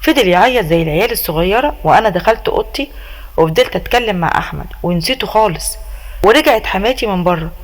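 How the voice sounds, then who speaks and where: Egyptian lady telling a story, talks fast, dramatic, middle voice. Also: mid-range voice, lively intonation. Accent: Egyptian Arabic. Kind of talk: narrating a spoken first-person story.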